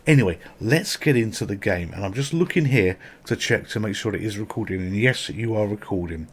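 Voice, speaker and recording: A man's voice: on the low side, lively intonation, a little fast, slight background noise. A man hosting a retro gaming channel, chatting casually and swearing now and then, with a sore mouth. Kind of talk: casual gameplay commentary.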